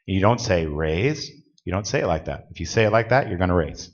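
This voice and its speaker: Deep-voiced man presenting in a reverberant hall. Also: fast. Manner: plain-spoken, direct, instructive. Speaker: tournament rules presenter. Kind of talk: conference presentation to an audience. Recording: dull lo-fi audio with long hall reverb.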